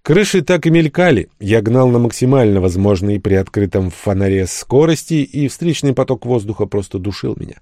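A man reading a first-person story aloud expressively, with sudden jumps in pitch on emphasis. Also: animated, normal speed, hardly any pauses, mellow, dry recording, clean studio sound. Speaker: audiobook narrator. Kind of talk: first-person audiobook narration.

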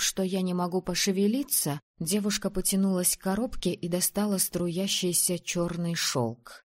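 A woman reading first-person fiction aloud as an audiobook narrator, calm and measured. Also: fairly low pitch.

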